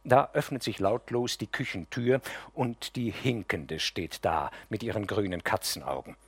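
A man narrating a literary audiobook in a measured, grave manner. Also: fairly low pitch, husky, no echo. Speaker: audiobook reader.

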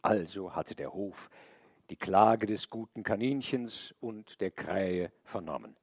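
Slow solemn male verse narrator. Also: sits low, expressive, slightly rough, dry recording, studio quality. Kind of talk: slow storybook reading of verse.

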